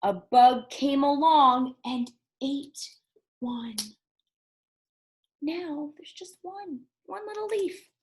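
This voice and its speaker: Speaking very slowly with long pauses, this woman has a high voice. She hosts a children's library storytime, reading aloud and counting for little ones in an encouraging singsong.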